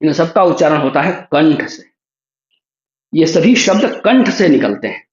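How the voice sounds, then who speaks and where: A man with a high voice leads an online class, explaining patiently and stretching out each sound to demonstrate it. His voice comes through a call, roomy and dull. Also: big pitch swings, unhurried. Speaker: Sanskrit teacher. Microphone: video call.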